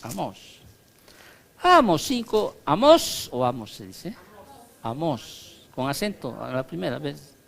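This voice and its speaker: Male pastor, slow deliberate preaching, reads verses with weight and keeps checking that the congregation follows. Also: mid-range voice, very animated, vocal fry. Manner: reads scripture aloud with slow emphasis, checks in with listeners. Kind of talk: sermon with scripture reading.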